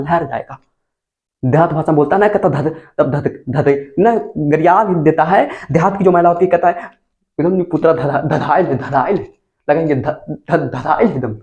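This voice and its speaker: With a fairly high, slightly mellow voice, a male teacher leads a board exam chemistry lesson. He habitually throws questions at his class and answers them on his own.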